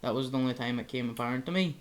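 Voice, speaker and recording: A man's voice: mid-range voice, racing. A young man, co-hosting a casual chat and rambling with lots of filler words. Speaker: podcast co-host.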